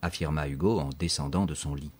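A man narrating a story in a steady, expressive audiobook reading. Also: very deep voice, fairly quick, slightly rough.

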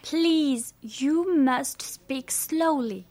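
A woman's voice: a little high, a little mellow. Woman playing a bossy young French girl. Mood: hesitant, pleading. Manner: halting, stumbling English, pleading. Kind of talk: audiobook character voice.

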